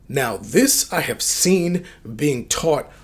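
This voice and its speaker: A man's voice: a little high, lively intonation, slow pace, husky. A man hosting a dating advice channel, talking straight to his viewers in an emphatic, slangy, coach-like way. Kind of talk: direct-to-camera advice talk.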